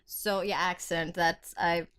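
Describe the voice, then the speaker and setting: A woman's voice: on the low side, level tone, takes it slowly, fairly bright tone, slight background noise. A young woman from India with an Indian accent, co-hosting a casual podcast chat, jokey and rambling, often laughing as she talks. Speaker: podcast co-host.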